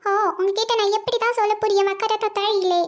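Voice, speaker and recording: A woman voicing a sulky, sharp-tongued young wife in a cartoon, with a whiny, sassy delivery. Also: very high-pitched, steady tone, a little fast. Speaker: cartoon voice artist. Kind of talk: cartoon voice acting.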